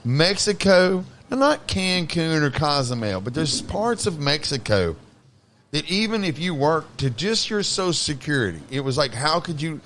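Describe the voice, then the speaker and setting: A man's voice: medium pitch, a little hiss or hum. A man in his late forties, hosting a casual podcast chat and pressing his point with repetition. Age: 40s. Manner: animated, keeps repeating his point.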